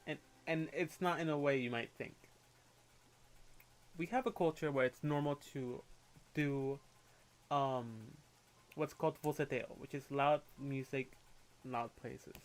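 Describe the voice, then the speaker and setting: Speaking in a steady tone on the high side, a young man with a Puerto Rican accent rants and chats on a livestream. He's from Puerto Rico, outspoken and candid, and swears casually as he goes.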